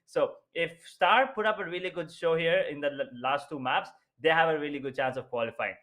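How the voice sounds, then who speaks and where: A young man analyses an esports tournament live alongside his co-caster. He talks in a chatty way, tosses in rhetorical questions, and speaks in a somewhat high voice. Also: brisk, pushed and bright.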